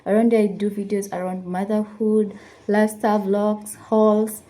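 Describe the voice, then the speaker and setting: A woman in her twenties, a lifestyle YouTuber, talks through her makeup routine indoors at home in a relaxed get-ready-with-me chat, dropping Swahili phrases into English. She speaks at a moderate pace in a mellow, mid-range voice with a flat delivery.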